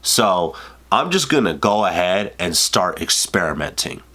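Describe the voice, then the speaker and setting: Speaking low-pitched yet very animated, this congested vlogger in his twenties takes his time, his voice pushed and bright. He gives casual dating advice to camera, loose and profane, with lots of fillers.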